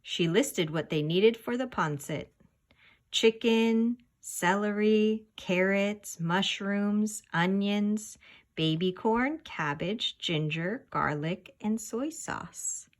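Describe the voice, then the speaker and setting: Reading a children's picture book aloud, a woman uses her mid-range voice in a deliberate, expressive storytelling style.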